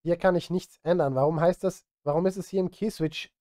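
A middle-aged man, a music streamer who also writes film scores, talks casually on a live stream, thinking aloud and grumbling at himself. His voice is on the high side, steady, brisk, and mellow. Recorded close on a studio mic in an indoor home studio, it carries a little hiss or hum.

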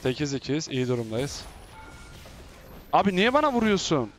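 A man giving live commentary as he plays a game, excitable and teasing, often shouting at teammates. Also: a little high, normal speed, slight background noise. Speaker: gaming YouTuber.

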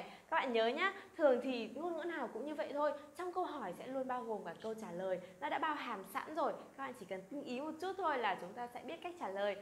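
A woman teaching a language lesson, drilling example phrases slowly and coaxing her students to repeat aloud. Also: high voice, roomy sound. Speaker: Chinese teacher.

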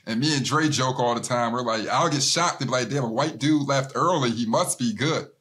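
A man's voice: medium pitch, fairly quick, a bit bright. A man in his thirties co-hosting a podcast over a video call, talking in a loose, slangy, laughing way. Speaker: podcast co-host. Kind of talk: casual podcast conversation. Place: hotel room. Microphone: earbuds, video call.

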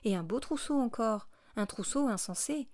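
A woman reading aloud as a coarse, calculating innkeeper's wife who exclaims loudly. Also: on the high side, animated, moderate pace, no room sound, studio quality, natural voice. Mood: bargaining.

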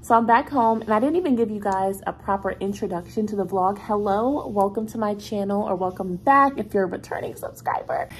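A young woman in her twenties chatting casually to a phone camera in her apartment, telling stories with an animated, chatty manner and sounding a little congested. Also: mid-range voice, a little fast, hardly any pauses, slight background noise. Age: 20s. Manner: chatty, animated storytelling with laughs. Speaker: vlogger. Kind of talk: casual vlog chat to camera. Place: bright apartment room with ceiling fan. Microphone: phone camera held low, close.

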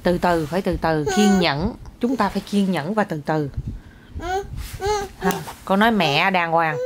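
A woman's voice: on the low side, a little slow. Young mother, casual home video, coaxing and scolding, faint background noise. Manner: coaxing, scolding and exclaiming at a toddler. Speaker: mother filming her child.

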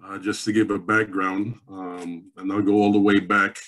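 Man, fifties, very deep voice, measured and reflective, webcam call from home. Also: flat delivery, fairly bright tone. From born in Jamaica, raised in New York. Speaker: panelist, professor and pastor. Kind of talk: online panel discussion. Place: home room. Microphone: webcam on a video call.

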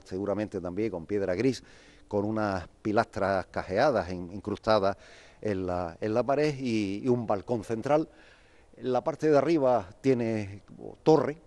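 A man's voice: on the low side, a little mellow. A man explains the history of an old quarter as he walks its streets outdoors. His talk is unscripted, full of restarts and fillers, in the manner of a local guide. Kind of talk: walking tour explanation.

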